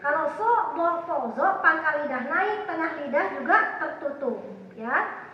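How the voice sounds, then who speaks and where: A woman teaching a class. She quizzes her students and repeats sounds slowly to demonstrate them. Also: high-pitched, animated, slight background noise. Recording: echoey hall, far from the mic, dull sound.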